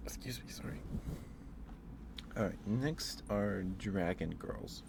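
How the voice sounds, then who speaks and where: During a relaxed ASMR livestream, a low-voiced male host talks softly and slowly with some vocal fry. He wanders off topic a bit and hesitates, while a constant noise runs underneath.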